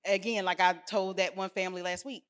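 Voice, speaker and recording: A woman speaking about home care on a panel, lively and laughing often as she acts out dialogue. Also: fairly low pitch, brisk, clean tone. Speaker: home care company representative. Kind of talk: casual panel discussion.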